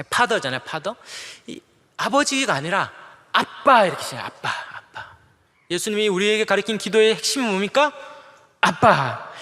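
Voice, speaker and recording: A man's voice: high voice, a bit bright. A middle-aged male pastor preaching a sermon in a conversational, playful way, acting out little quotes. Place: large church sanctuary. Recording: long hall reverb in a church.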